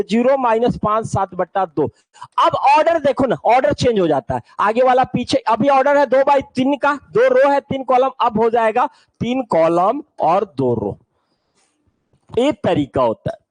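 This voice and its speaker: A man with an extremely high-pitched voice teaches an online maths class playfully, repeatedly telling students to look carefully and putting questions to the class. The recording has no room sound and poor audio quality.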